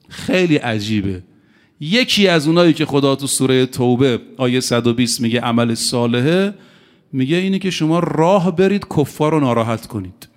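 Impassioned male preacher, sermon and lament. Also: mid-range voice. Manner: impassioned, rising to chanted lament. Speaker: cleric preacher. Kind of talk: religious sermon with mourning recitation.

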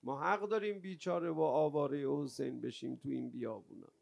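A male preacher telling a religious story in a sermon, rising from quiet storytelling into loud, lamenting cries. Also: mid-range voice, creaky. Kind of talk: Shia mourning sermon.

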